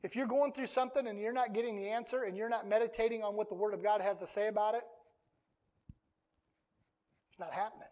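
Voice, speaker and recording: An emphatic preacher in mid-sermon, reading scripture passages aloud. The delivery leans on repetition, circling back to the same phrases to press each point home. The voice sits at an ordinary middle pitch. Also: steady tone, quick pace, pauses often, darkish tone.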